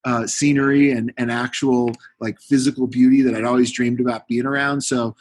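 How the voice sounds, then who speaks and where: Easygoing male guest from Connecticut, middle pitch, rambling. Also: moderate pace. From Connecticut, USA. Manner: relaxed, rambling, many "uh" and "like". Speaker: guest, fitness coach. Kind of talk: podcast interview.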